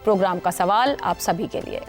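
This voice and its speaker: A woman's voice: medium pitch, brisk, faint music behind. A woman hosting a political talk show, reading a formal scripted introduction and then putting questions to her panel. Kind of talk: news talk show anchor.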